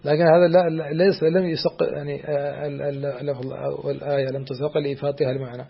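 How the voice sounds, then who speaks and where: In a muffled recording, a male teacher works through a classical text of Islamic law with a student, hesitating, stretching out fillers, restarting, and checking comprehension again and again. His voice is fairly high and level in tone, with vocal fry and a breathy edge.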